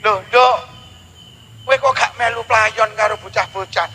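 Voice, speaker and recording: A man's voice: sits high, a little slow, sharp tone, big-room sound, slight background noise, pitched below the performer's own voice, heavily acted. A man voicing a grieving father who tenderly questions his daughter in a sermon story.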